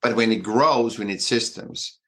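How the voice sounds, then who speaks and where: Man, sixties, Austrian accent, low-pitched, halting, restarts, interview guest. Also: bright, forceful tone. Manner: halting, many fillers and restarts, emphatic. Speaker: guest artist and educator. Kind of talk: conversational interview.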